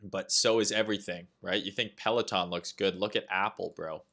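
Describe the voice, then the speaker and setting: With a low, gravelly, bright and forceful voice, this young Canadian man talks fairly quickly and keeps a steady tone. He has a Canadian accent and hosts a casual trading livestream as an analyst. He reads chat aloud and fills his talk with "uh" and "right?".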